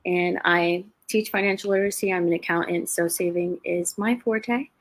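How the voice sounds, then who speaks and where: A woman in her twenties, a real estate investor, is a guest on a casual livestreamed interview. Her voice is lowish with fairly even intonation at normal speed, and she tells her stories in a chatty, easygoing way, laughing between them.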